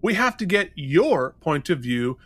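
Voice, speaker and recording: A man's voice: on the high side, very animated, a little slow, a bit bright, dry recording. A man in his forties co-hosting a podcast, chatting casually, playful and joking as he reads out listener ratings. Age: 40s. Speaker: podcast co-host.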